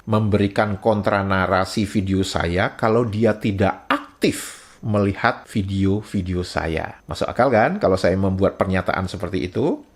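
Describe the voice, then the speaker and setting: A man hosting a commentary video, reading viewer comments with slow, sarcastic emphasis. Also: fairly low pitch. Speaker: YouTube commentator.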